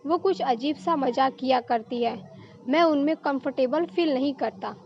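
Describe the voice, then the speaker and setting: A woman's voice: high-pitched, moderate pace, lo-fi sound, a little hiss or hum. A woman voicing a nervous, awkward young husband in a told story. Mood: uneasy. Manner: hesitant, awkward.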